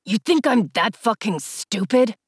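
A woman's voice: fairly high pitch, lively intonation, measured pace, husky, dry recording, studio quality. A woman voicing an angry young man who sneers and talks through clenched teeth. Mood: sneering, angry.

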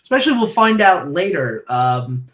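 Wry, dry-joking podcast co-host. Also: male voice, fairly high pitch, big pitch swings, moderate pace, fairly bright tone, lo-fi sound. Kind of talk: casual chat.

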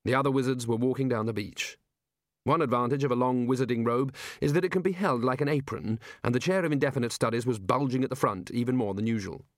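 A man narrating an audiobook in a measured storytelling way. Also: mid-range voice, no room sound, studio quality. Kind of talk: scripted narration.

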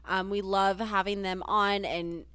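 A woman's voice: medium pitch, flat delivery, measured pace, a bit bright, clean tone, no room sound. A young woman co-hosting a podcast, bubbly in casual chat and plugging the show. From southern US. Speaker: podcast co-host.

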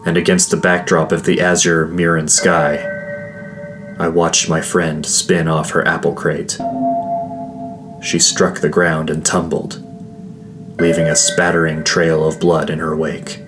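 A man narrates a first-person fantasy novel in a very deep voice. He reads slowly, in a grave and measured way. Soft guitar music plays faintly behind him. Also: level tone. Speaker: audiobook narrator.

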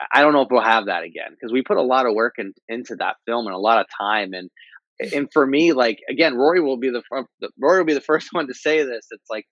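Excitable man on a dull, dry recording. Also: medium pitch, no echo. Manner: excitable, laughs often. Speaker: cinematographer guest. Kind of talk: casual chat.

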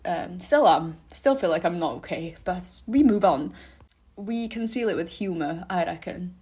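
Young woman, lowish voice, solo podcast host, rambly, candid, sweary, self-deprecating. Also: animated, moderate pace, darkish tone, breathy edge. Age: young adult. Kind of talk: casual solo podcast chat.

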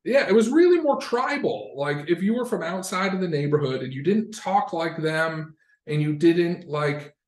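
A man from Massachusetts talks through history in a loose, rambling way, correcting himself and dropping wry, profane asides. His voice sits a bit high. The recording carries a roomy echo. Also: animated, normal speed, darkish tone. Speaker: podcast co-host. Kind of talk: casual conversational explaining.

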